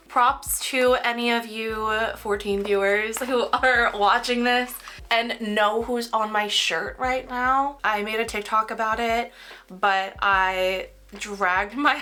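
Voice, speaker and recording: This crafting vlogger, a young woman with a cold, talks in a rambling, "like"-heavy way as she packs up orders. Her voice is a little high and slightly nasal, slow-paced and sharp in tone, and she sounds tired.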